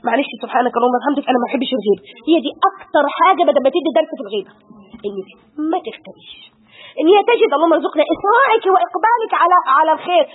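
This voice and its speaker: A woman's voice: high voice, very animated, very fast. A middle-aged woman with an Egyptian Arabic accent giving an Islamic lesson, fervent and full of pious exclamations. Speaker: religious teacher. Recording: tinny phone-like audio.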